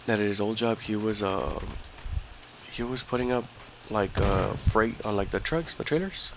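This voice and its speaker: A man's voice: lowish voice, normal speed, noisy background. A man chatting casually with a friend while playing a shooter game, rambling and swearing with lots of fillers and restarts. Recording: steady game gunfire behind the voice. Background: gunfire and clicks from the game.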